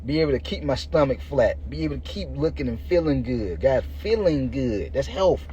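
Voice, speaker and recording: Animated and mellow, a mid-range male voice moves at a moderate pace. The speaker, a podcast host and fitness coach in his thirties, talks straight to his audience in a colloquial, slang-heavy motivational ramble, captured on a muffled, noisy lo-fi recording.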